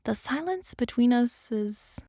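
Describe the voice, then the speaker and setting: Unhurried female story narrator, dry recording. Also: fairly high pitch, lively intonation, mellow, no echo. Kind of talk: first-person scripted story narration with character voices.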